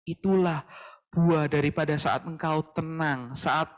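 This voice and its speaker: Brief: a laid-back youth preacher, slightly higher voice, chatty style. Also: male voice, steady tone, a little slow, in a large hall. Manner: casual, mixing in English phrases, addressing "guys". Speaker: youth pastor. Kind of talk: casual youth sermon. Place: church livestream.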